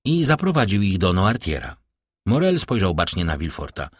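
Man, audiobook narration, measured, dramatic, husky, dry booth sound. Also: low voice, sing-song, dry recording. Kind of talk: scripted literary narration.

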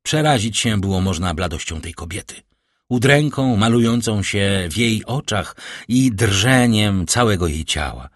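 A man narrating a classic novel as an audiobook in a dramatic, expressive way. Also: lowish voice, a little slow, no room sound, clean studio sound. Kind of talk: scripted literary narration.

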